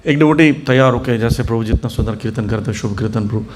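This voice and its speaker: A man's voice: medium pitch, fast, slight background noise. A man preaching to a seated audience, telling anecdotes, acting out the people in them and asking rhetorical questions. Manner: storytelling, acts out the people in his anecdotes. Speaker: spiritual teacher. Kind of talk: Hindi sermon to a seated audience, mixing English words.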